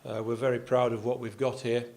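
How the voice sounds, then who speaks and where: Speaking as vice captain of a golf club, this older man from Yorkshire, England, gives a speech in the clubhouse function room, his faint accent carrying dry, self-mocking jokes and plenty of "uh" fillers. The medium-pitched delivery is brisk and level, with a darkish tone.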